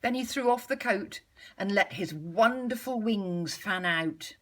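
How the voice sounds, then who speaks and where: In a medium-pitched voice, a woman reads a storybook aloud to young children. Her schoolteacher-like delivery is expressive and measured, with deliberate pauses.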